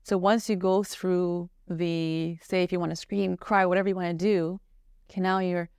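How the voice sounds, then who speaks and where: A woman's voice: on the low side, steady tone, moderate pace, darkish tone, clean tone, dry recording, clean studio sound. A woman guest on a podcast, earnestly telling a personal story with lots of "like" and "you know". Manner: earnest, searching, heavy use of "like" and "you know".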